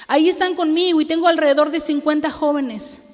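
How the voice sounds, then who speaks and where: A woman's voice: high-pitched, fairly even intonation, brisk, in a large hall. A middle-aged woman pastor with a Mexican accent, preaching a sermon and acting out the dialogue of her own story. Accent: Mexican Spanish. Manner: storytelling, acts out dialogue, asks audience for amen.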